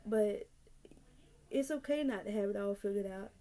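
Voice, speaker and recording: Young woman, 19, mellow warm voice, earnest, repeats herself, casual vlog to camera. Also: medium pitch, moderate pace. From North Carolina. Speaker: vlogger. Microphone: camera mic.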